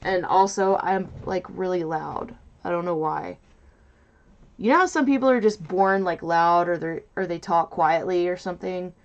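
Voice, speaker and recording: A woman hosting a casual crafting livestream in a loud, nasal voice, rambling and hesitant with lots of fillers, from a mic set off to her side. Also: lowish voice, normal speed, dull audio. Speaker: livestream host. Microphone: mic set off to the side, away from camera.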